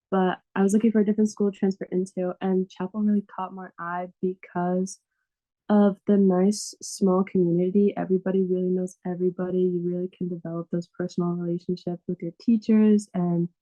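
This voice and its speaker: A woman's voice: fairly low pitch, dark tone, dry recording. A teenage girl student chatting upbeat about her school on a video call. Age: teens. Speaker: student panelist. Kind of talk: casual self-introduction and answers. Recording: tinny phone-like video call audio.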